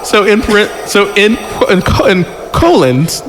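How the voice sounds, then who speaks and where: A podcast host reads a story aloud casually, stumbling over the text and breaking off for jokes and comments. His voice sits high with big pitch swings and an unhurried pace. The recording has long reverb and music underneath, with a noisy background.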